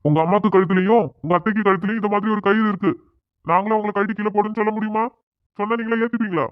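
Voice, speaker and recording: A stern, wounded village father in a cartoon drama, played by a man. He speaks high and quick with a reproachful edge. The sound is tinny and phone-like. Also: fairly even intonation, no echo, lightly acted. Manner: reproachful and sarcastic.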